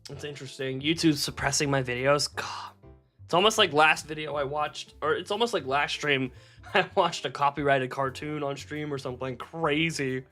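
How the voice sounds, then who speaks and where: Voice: medium pitch, moderate pace, fairly bright tone, faint music behind. A streamer in casual live-stream chat, reading viewers' messages aloud, laughing often, swearing freely and rambling through self-corrections.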